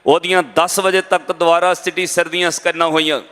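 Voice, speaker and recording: A man's voice: a little high, flat delivery, brisk, a bit bright, smooth. Punjabi preacher man, dramatic storytelling sermon to the congregation, long echo from a big hall. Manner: dramatic, addresses the congregation directly. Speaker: Sikh katha preacher. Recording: reverberant hall.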